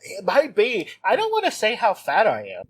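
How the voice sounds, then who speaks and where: Rich: A joking male co-host chiming in casually, with a lively pitch and a dry, close recording. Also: slightly rough, no room sound. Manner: joking, quick asides with fillers. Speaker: podcast co-host. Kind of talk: casual chat.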